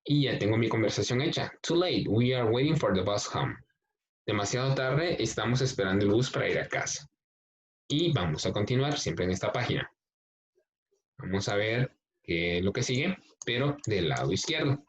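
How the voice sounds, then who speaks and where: A male English teacher, explaining a workbook lesson slowly, step by step, and reading the exercises aloud. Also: fairly low pitch, lively intonation, slight background noise. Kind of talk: recorded class explanation. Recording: dull lo-fi recording.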